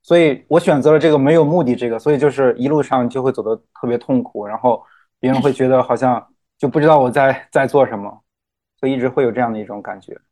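A man's voice: mid-range voice, quick pace, dark tone. A man from mainland China speaking casually and reflectively, repeating words as he searches for phrasing. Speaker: guest teacher.

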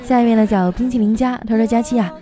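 A woman's voice: fairly high pitch, fast talker, over music, a crowd in the background. A woman host reading listener jokes in a comic style, slipping into character voices for the quotes.

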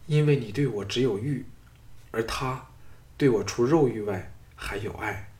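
A man voicing a young noblewoman who talks softly, sighing and pleading. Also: medium pitch, unhurried, close to an everyday voice. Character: sensual noblewoman, young adult, yielding.

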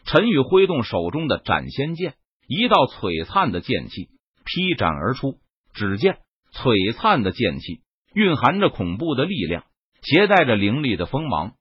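Man narrating a novel, dramatic reading, husky voice, swinging pitch, dull lo-fi dry sound. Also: big pitch swings, moderate pace, no room sound. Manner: dramatic reading that swells on the battle words. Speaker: audiobook narrator. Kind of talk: scripted web-novel narration.

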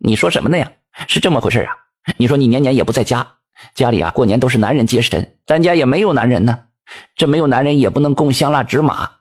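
A man's voice: mid-range voice, fast talker, breathy edge. A man voicing a middle-aged village wife, tearful and scolding by turns. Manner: scolding, chattering.

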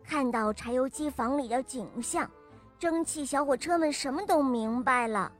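A woman narrating a children's story about toy trains in a lively, friendly voice, as the show's regular storyteller. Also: high-pitched, normal speed, faint music behind.

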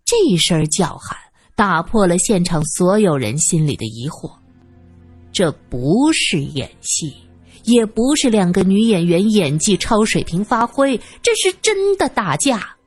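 A woman's voice: medium pitch, big pitch swings, unhurried, husky, no room sound. A woman narrating a story, reading expressively and acting out the scenes. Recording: dry close voice with faint music.

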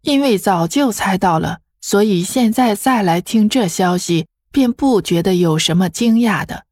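A woman narrating a fan audio drama in an even storytelling manner. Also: medium pitch, measured pace, no room sound, clean studio sound. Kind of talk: scripted narration.

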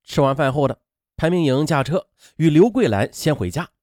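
A man telling a spoken story, colloquial and lively, with drawn-out interjections. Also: on the high side, no room sound, clean studio sound.

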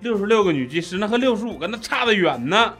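A man plays a small-time village big shot in a comedy sketch, boastful and wheedling by turns. His voice is high and swoops widely as he rattles on at speed about his status. Music plays behind him. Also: lively intonation, fast, a bit bright, slightly rough, full character voice. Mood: indignant, boastful. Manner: boastful, wheedling, colloquial patter. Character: blustering, face-obsessed small-time village tough guy. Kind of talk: comedy radio sketch acting. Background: background music.

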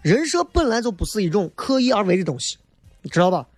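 A talk show host with a high, very animated voice talks fast through a casual comedic monologue. His delivery is colloquial and emphatic, often tossing in rhetorical questions. The recording is dry with no echo, and faint music plays behind him.

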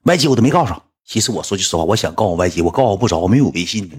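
A man with a Northeastern Chinese accent telling a rambling anecdote in a casual, animated way, breaking into mocking high-pitched rants. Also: racing, husky. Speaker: storyteller.

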